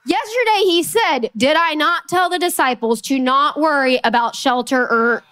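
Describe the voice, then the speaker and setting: A woman in her forties with a Texan accent, telling a story in a casual, animated sermon at church, full of self-mocking asides. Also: high voice, moderate pace. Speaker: speaker at church. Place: church sanctuary.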